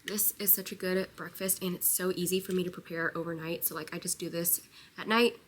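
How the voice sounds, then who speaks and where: A young woman who is a teacher and vlogger chats casually to her phone camera in a vlog, stuffed-up nose and all, peppering her talk with "like." Her voice is on the low side with fairly even intonation, and she talks briskly over a noisy background.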